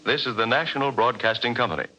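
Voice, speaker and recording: A man announcing credits in a crisp, formal 1940s radio style. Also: mid-range voice, fast talker, heavy background noise. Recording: dull old radio broadcast.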